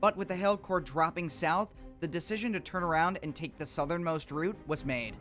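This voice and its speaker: A man's voice: on the high side, brisk. A man reading scripted documentary narration for a storm-chasing video. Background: music.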